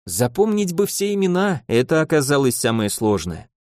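A man narrating a novel in a measured, even storytelling manner. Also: a little high, no echo, studio quality. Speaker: audiobook narrator. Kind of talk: scripted narration.

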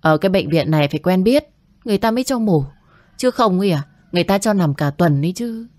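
Knowing, gossipy middle-aged woman read by a woman, low voice, dry mic. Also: expressive, fast talker, darkish tone, dry recording, close to an everyday voice. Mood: confiding.

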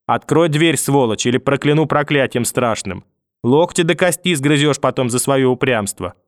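A man's voice: mid-range voice, normal speed, no room sound, clean studio sound, lightly acted. A man reading an audiobook and voicing a furious, vicious old grandmother who scolds, curses and threatens. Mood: threatening.

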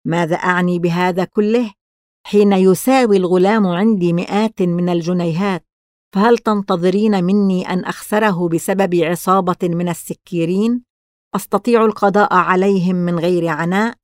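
A woman reading the part of a scheming, greedy old male gang boss who is scornful and quick to anger, in a storybook reading. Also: lowish voice, steady tone, no room sound, clean studio sound, natural voice. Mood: enraged. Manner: scornful, furious outbursts.

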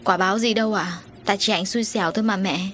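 A woman's voice: mid-range voice, steady tone, fast, slight background noise, natural voice. Audiobook: tender young daughter, consoling, woman reader doing the voice. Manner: soft consoling tone. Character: grieving young daughter, gentle and comforting.

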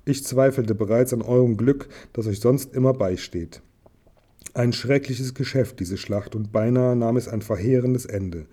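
A man's voice: medium pitch, unhurried, mellow, lightly acted. Man reading as an old, grave wizard. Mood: relieved. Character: old wounded male wizard, warm and grave.

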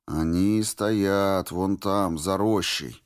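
A man playing a tired, grim deserter who speaks curtly and flatly. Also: on the low side, a little slow. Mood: weary. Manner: tired, flat and curt. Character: weary, grim male deserter from the zone.

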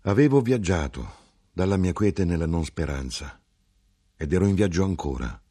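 A man reading a literary novel aloud in a slow, reflective manner, dropping low on quiet asides. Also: expressive, breathy edge. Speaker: audiobook narrator.

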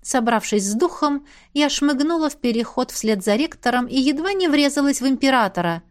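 A woman's voice: high-pitched, a little fast. Woman narrating a fantasy audiobook. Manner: lively, expressive reading.

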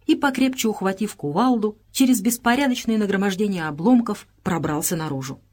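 A woman narrating an audiobook in a measured, even storytelling delivery. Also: mid-range voice. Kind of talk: scripted narration.

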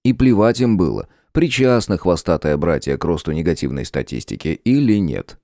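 A man reading a first-person audiobook in a gruff, sardonic storytelling manner. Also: sits low, very animated, moderate pace, warm tone, no room sound, studio quality. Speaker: audiobook narrator.

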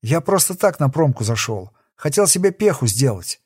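A man's voice: mid-range voice, very animated, moderate pace, darkish tone, breathy edge, no echo, studio quality. A man voicing a frightened young male convict who begs and whines for mercy in an audiobook. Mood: pleading. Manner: pleading, whining.

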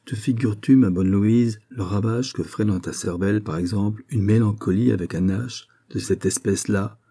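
A man's voice: lowish voice, normal speed, dark tone, husky. A teasing young court lady, as a male reader puts her on. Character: mocking young lady-in-waiting, teasing and ironic.

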